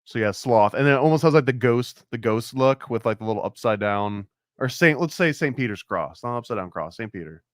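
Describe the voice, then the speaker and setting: A man's voice: mid-range voice, animated, fairly quick, few pauses, dry recording, studio quality. A man co-hosting a casual podcast chat, rambling and laughing often, his talk full of "like". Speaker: podcast co-host.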